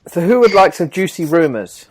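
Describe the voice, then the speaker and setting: A man's voice: a little high, very animated, normal speed, breathy edge, no echo. A man hosting a podcast in chatty, teasing casual talk, steering the conversation. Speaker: podcast host. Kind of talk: casual chat.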